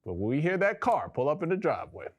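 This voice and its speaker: A man hosting a casual talk show, joking and bantering in an animated way. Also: a little high, fast talker, muffled recording.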